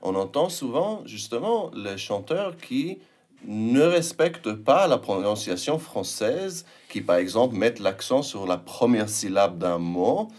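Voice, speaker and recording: Man, interviewer, considered questions, slightly low voice. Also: big pitch swings, a little slow, a little mellow. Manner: thoughtful, builds questions step by step.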